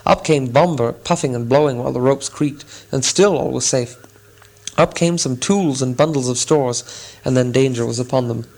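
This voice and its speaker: A man narrating a fantasy story aloud in a measured, expressive storytelling style. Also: medium pitch. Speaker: audiobook narrator. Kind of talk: scripted narration.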